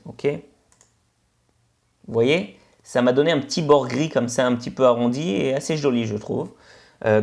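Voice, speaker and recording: A man with a Senegalese French accent gives a screencast coding lesson, his voice sitting at an ordinary middle pitch. He explains step by step in a relaxed, chatty way, often pausing on "ok" and "euh". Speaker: instructor.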